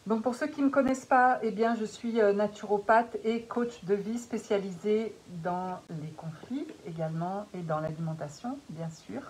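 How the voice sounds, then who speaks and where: A middle-aged woman, a naturopath and life coach, talking to parents in a live stream she records on her phone, calm and measured, with many pauses and fillers. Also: medium pitch, poor audio. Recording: faint hiss on a phone recording.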